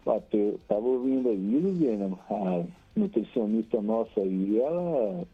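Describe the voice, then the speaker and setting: A low, husky-voiced Brazilian man calls in to a radio show, heard through a thin, crackly phone line that keeps breaking up. He is chatty and cheerful, laughs a lot and runs through long strings of shout-outs. Faint music plays behind him. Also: expressive, a little slow. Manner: cheerful and chatty, laughs often, reels off long lists of names. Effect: crackly phone line that keeps cutting out. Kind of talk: casual chat and shout-outs on air.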